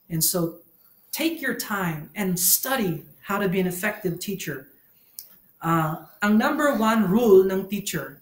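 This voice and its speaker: A man in his thirties with a Filipino accent, giving a teaching sermon at a pulpit, switching between languages, repeating key phrases and asking questions. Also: high voice. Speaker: pastor. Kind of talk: bilingual church teaching sermon. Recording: echoey room.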